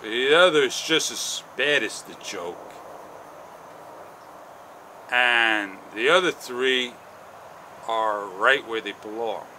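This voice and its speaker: A man in his forties vlogging outdoors, rambling slowly and haltingly with frustration, on a clip-on mic. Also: medium pitch, sharp tone, a little hiss or hum. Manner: slow, halting, frustrated rambling with long pauses. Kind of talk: casual walk-and-talk vlog. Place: outdoors on a sunny garden patio and paths. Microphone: small wireless clip-on mic.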